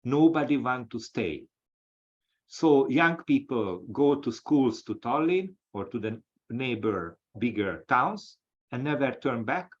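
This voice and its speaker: A man from Hungary with a Hungarian accent, an associate professor giving a lecture-style webinar talk, speaking haltingly with many restarts over a video call. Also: mid-range voice, lively intonation. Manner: halting, with frequent restarts and fillers. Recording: dull, lo-fi audio.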